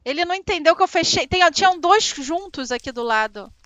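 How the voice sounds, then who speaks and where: A woman co-hosting a casual gameplay livestream, chatting quickly with her partner and the chat. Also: extremely high pitch, animated, a bit bright, no room sound. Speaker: streamer, co-host.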